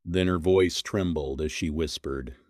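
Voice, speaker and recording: Short, dramatic phrases delivered in a measured way let this deep-voiced male narrator build suspense in a scripted horror mystery. His tone is a little mellow. Captured close and dry, the audio has no room sound at all.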